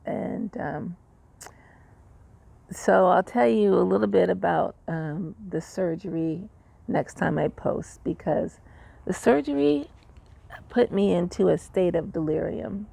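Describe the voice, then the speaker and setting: A woman's voice: lowish voice, animated, slow pace, gravelly, mellow, breathy edge. An older woman casually telling the story of her hospital stay, rambling and conversational with many fillers. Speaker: patient sharing her story. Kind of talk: casual personal update.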